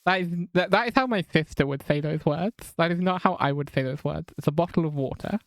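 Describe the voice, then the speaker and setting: Wry streamer with a slightly high voice. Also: male voice, expressive, brisk, a bit bright, no room sound. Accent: non-rhotic English. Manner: chatty, wry and self-mocking, laughs often. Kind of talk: casual live-stream chat while gaming.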